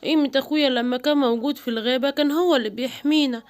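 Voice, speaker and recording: A woman's voice: high voice, racing, natural voice. A woman with an Egyptian accent voicing a frightened male lion king in a cartoon, pleading urgently for help. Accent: Egyptian Arabic.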